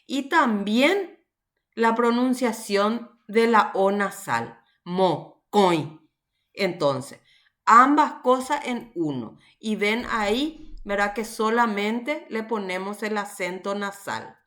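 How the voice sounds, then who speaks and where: A woman teacher, explaining grammar rules slowly and patiently in a recorded online class, often checking in with her students. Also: medium pitch, expressive, a bit bright.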